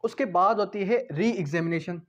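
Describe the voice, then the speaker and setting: At a moderate pace, a Pakistani-accented man with a noticeably high, slightly bright voice gives an explanatory law lecture mixing Hindi-Urdu and English legal terms. He teaches didactically, repeating terms and asking questions before answering them. The audio is somewhat dull and lo-fi.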